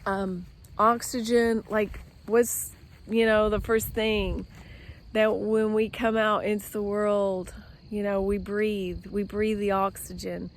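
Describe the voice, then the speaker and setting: A woman's voice: medium pitch, level tone, slow pace. A woman talking casually to her viewers while out of doors, rambling with many fillers and restarts. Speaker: vlogger. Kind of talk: casual outdoor vlog talk. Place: outdoors with trees and her dogs.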